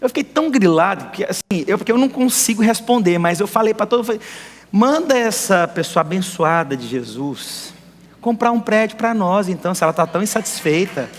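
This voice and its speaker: A man preaching a lively sermon as pastor, firing rhetorical questions at the congregation. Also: sits high, quick pace, few pauses. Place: church hall. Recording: echoey church hall.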